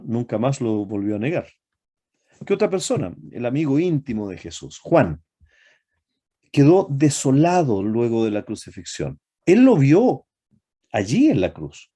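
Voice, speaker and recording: Guy preaching a sermon, warm mellow voice, asks the church questions, lots of "eh" pauses. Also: a little high. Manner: asks the congregation rhetorical questions; pauses with frequent fillers and self-corrections.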